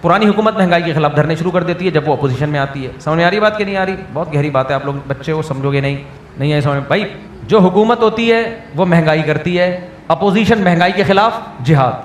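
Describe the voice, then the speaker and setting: A man, a mufti answering questions from listeners in a plainspoken, teasing way, often checking whether the point has landed. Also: fairly high pitch. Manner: plainspoken, teasing, keeps asking if the point is understood. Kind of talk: question-and-answer religious talk. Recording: echoey room with faint background noise.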